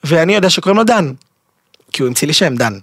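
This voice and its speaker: Creaky-voiced man telling a dramatic story. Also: on the high side, no echo, clean studio sound. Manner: lively, dramatic, quick shifts between loud and hushed. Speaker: podcast guest. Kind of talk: animated personal storytelling.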